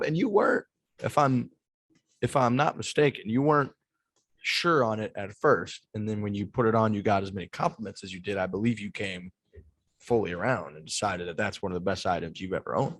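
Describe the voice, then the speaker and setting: A man's voice: fairly low pitch, a little fast, no room sound. A man co-hosting a golf podcast, teasing his partner in casual chat and working in ad reads. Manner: teasing, joking, hesitant restarts. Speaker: podcast co-host and ad reader.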